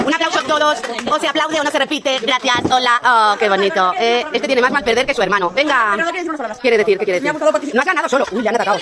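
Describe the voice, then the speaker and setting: High-voiced playful teacher over class chatter. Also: female voice. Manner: playful, teasing, brisk countdowns. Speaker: teacher hosting a class spelling contest. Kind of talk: hosting a classroom quiz game. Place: school classroom. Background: noisy students.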